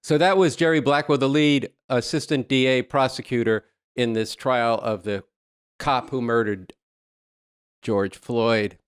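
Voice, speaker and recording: A man hosts a political podcast with blunt, sardonic commentary. His voice is smooth and resonant at an ordinary pitch, recorded dry and close on a studio mic. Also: fairly even intonation, unhurried, no echo. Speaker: podcast host.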